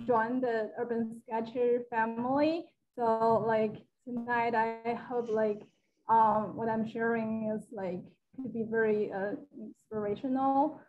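A woman's voice: on the high side, darkish tone, highs cut off. A young woman from China giving a casual talk on a video call, hesitant, with many fillers and restarts. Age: young adult. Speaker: guest speaker. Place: living room with a large wall mural. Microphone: video call, laptop camera.

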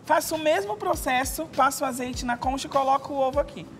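A man's voice: very high-pitched, fast, soft background music. A man who is a chef, giving a chatty cooking demonstration on a TV studio set. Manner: instructive, chatty. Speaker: guest chef. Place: TV studio kitchen.

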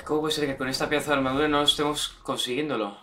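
Excitable Spanish man yelling over gameplay. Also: on the high side, rapid-fire, slight background noise. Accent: Spain Spanish. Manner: excitable, shouts and swears at the game. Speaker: gameplay streamer. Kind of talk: gameplay commentary.

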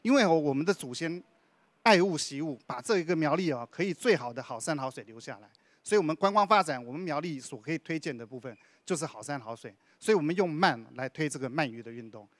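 A man's voice: a little high, lively intonation, quick pace, no room sound. A man, a county official answering on a panel, explaining at length with many sentence particles. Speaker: deputy director of a county culture and tourism bureau.

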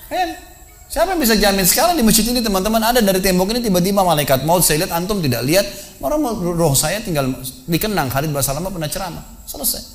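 A man preaching a sermon in a mosque, telling a story with quick, emphatic delivery. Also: mid-range voice.

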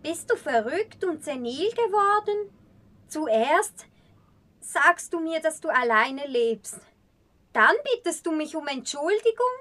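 A woman playing a proud, sharp-tongued blind painter, snapping back with quick, scornful retorts in acted short-film dialogue. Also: sits high, big pitch swings, full character voice.

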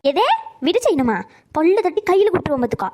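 A woman voicing a bossy, sharp-tongued old grandmother who scolds fast and dotes on her grandson. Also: very high-pitched, big pitch swings. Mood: scolding. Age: older. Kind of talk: cartoon voice acting.

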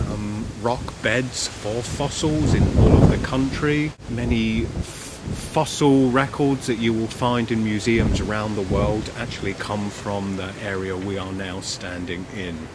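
Cheeky English vlogger, thirties, unhurried delivery, clear hum of road noise behind him. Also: male voice, mid-range voice. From England. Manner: chatty, enthusiastic, cheeky. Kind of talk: casual vlog to camera. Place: inside a car while driving. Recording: road noise in moving car.

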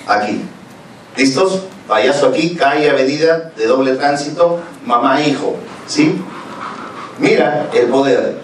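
Animated man lecturing in an echoey hall. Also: on the high side. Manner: animated, questions the audience, acts out scenes. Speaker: conference speaker. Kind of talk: lecture with acted-out stories. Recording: echoey hall from far off, noisy.

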